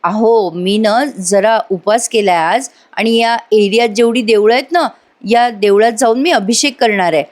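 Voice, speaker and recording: A woman doing a young wife who is hopeful and devoted, talking cheerfully and coaxingly, her voice fairly high. It stays close to her own voice. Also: normal speed, lightly acted.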